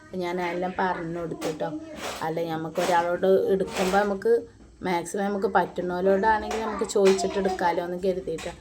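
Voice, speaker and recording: A woman's voice: on the low side, fairly even intonation, quick pace. A mother vlogging about her family in a Malabar Malayalam accent, giving a chatty voice-over narration recorded in a separate room at home. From Malappuram, Kerala. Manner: chatty, warm tag words at line ends. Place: indoor room, recorded apart from the filmed scenes. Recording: noisy home recording, kids in background.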